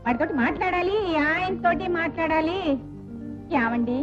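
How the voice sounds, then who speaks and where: A woman's voice: very high voice, expressive, moderate pace. An actress playing a domineering, sarcastic middle-aged mother-in-law in an old film. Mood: scolding. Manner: scolding, sarcastic. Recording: dull old film soundtrack with music.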